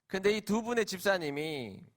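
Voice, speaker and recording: A middle-aged man, a senior pastor, preaching a sermon as emotional storytelling that swings from loud, stretched emphasis to hushed quiet. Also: sits high, lively intonation, normal speed.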